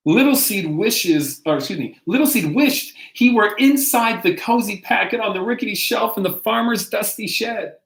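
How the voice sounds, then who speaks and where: A man, a pastor, reading a children's storybook aloud in a gentle, unhurried way. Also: high voice. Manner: gentle, unhurried, self-correcting. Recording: echoey room.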